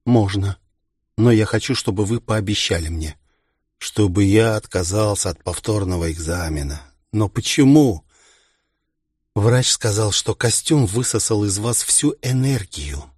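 A man's voice: fairly low pitch, lively intonation, a little slow, darkish tone, slightly rough, no room sound, clean studio sound. A man voicing a strict, scolding middle-aged woman who looks after a young clan heir. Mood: stern. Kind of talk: audiobook character reading.

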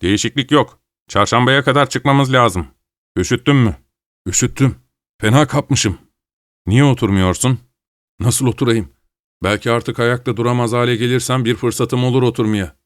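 A man voicing a young doctor with a cold, speaking hoarsely with a slight Scottish lilt. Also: medium pitch, normal speed, a bit bright, no echo, clean studio sound, voice pushed up, close to an everyday voice. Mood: dry.

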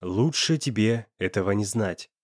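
Narrator playing a brooding young boyfriend, low husky murmur, cold and pained. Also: male voice, expressive, moderate pace, darkish tone, no echo, studio quality.

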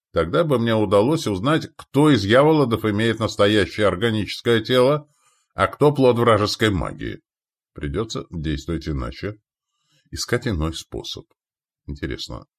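A man narrating a first-person audiobook in a measured, wry manner. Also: low-pitched.

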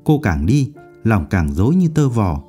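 A man narrating a novel audiobook in an expressive, measured reading. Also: on the low side, breathy edge, soft background music.

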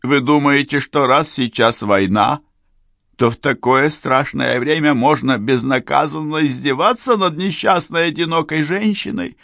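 A man voicing an indignant, theatrical society woman who scolds in a raised, shrill tone. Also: a little slow, fairly bright tone, no echo, studio quality.

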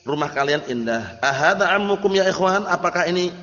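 A man's voice: fairly high pitch, animated, fairly quick, fairly bright tone. A male Arabic teacher with an Indonesian accent, running a classroom lesson and drilling his students with repeated questions. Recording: roomy muffled hall recording.

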